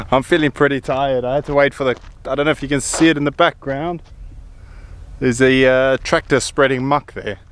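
A man's voice: mid-range voice, fairly even intonation, normal speed, slight background noise. A middle-aged man chatting enthusiastically and rambling as he walks outdoors, filming himself on a handheld phone. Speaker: vlogger. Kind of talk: casual walking vlog. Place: outdoors on a hillside.

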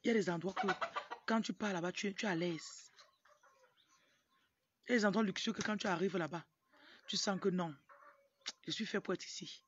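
With a mid-range voice, a moderate pace and long pauses, a young woman in a Cameroonian French accent gives a casual motivational talk to camera, often breaking into asides. She's from Cameroon, grew up in Tonga, and works as a motivational speaker and livestream host. A phone at arm's length records her outdoors in a yard, with muffled, noisy sound, a rooster crowing and background noise.

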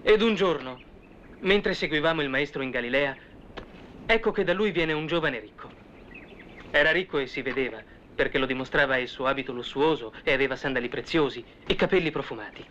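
An actor playing an eager male disciple who recounts events to listeners in lively, conversational storytelling with asides, in a 1970s film drama. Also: mid-range voice, a little fast, close to an everyday voice. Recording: dull old film soundtrack with faint hiss.

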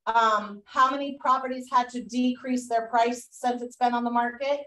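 A woman's voice: fairly high pitch, fairly even intonation, normal speed, fairly bright tone. A woman with a Boston accent leading a real estate training class, chatty and loose with fillers and restarts. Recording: echoey room, mic far off.

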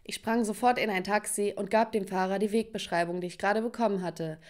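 A woman narrates an animated storytime in the first person. She speaks to the viewers directly, in a scripted, even storytelling delivery. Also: mid-range voice, brisk.

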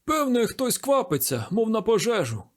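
A man's voice: sits high, wildly swooping pitch, normal speed, voice pushed up. A man reading an audiobook, voicing a fretful male innkeeper who talks in a hurry. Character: anxious male country innkeeper.

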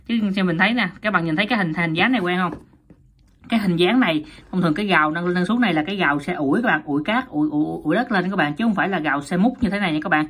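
A woman talks fast through a toy unboxing, her voice a little low and husky. She chats to viewers constantly and keeps the tone loose and casual. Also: a bit bright. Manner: chatty, repeats "các bạn" often, laughs at herself. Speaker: toy reviewer.

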